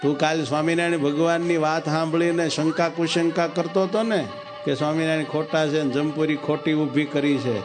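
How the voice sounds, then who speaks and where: A man voicing a huge, dark male messenger of death who sternly scolds a doubter. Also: on the high side, natural voice.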